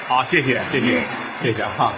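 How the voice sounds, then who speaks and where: A man performing Chinese crosstalk comedy, telling a teasing story and jumping into shrill character voices. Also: big-room sound, heavy background noise.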